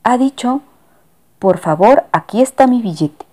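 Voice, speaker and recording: Woman doing a calm young passenger. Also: a little high, a little slow, pitched above the performer's own voice. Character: calm young man interpreting a cat.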